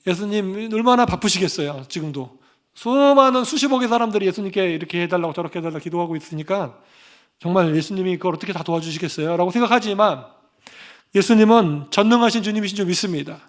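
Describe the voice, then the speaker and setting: A Korean pastor preaching a fervent, emphatic sermon that rises into proclamations. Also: male voice, sits high, fast talker.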